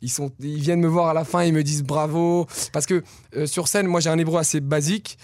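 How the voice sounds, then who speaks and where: Young male comic from France, quick jokey storyteller, bright-ish pitch, dry studio sound. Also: fairly even intonation, no echo. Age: young adult. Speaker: stand-up comedian guest. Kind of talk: casual interview chat.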